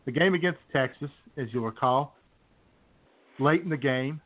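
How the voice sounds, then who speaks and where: A man at medium pitch and moderate pace co-hosts a comedy radio show, chatting casually about sports. The recording is tinny and narrow-band, like a phone line.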